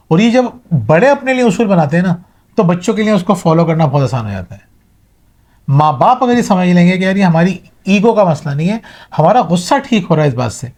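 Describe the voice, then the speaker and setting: A man's voice: on the high side, darkish tone. A middle-aged man giving a motivational talk to viewers, earnest and advising, mixing in English words. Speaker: motivational speaker.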